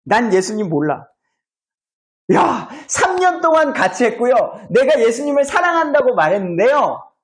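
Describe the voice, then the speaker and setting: A man voicing a panicked male disciple who loudly denies knowing his teacher, in a sermon retelling. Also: very high voice, very animated, moderate pace, voice pushed up. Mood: frantic denial. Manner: shouting, emphatic denials.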